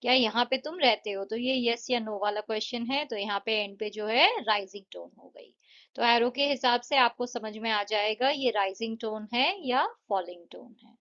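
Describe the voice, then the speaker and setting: Woman teacher walking thru answers slowly, patient, mixes hindi and english, kinda muffled audio. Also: on the high side, a bit bright. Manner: patient, explains step by step with Hindi-English mixing. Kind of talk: exam-prep lesson explaining answers. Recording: dull lo-fi audio.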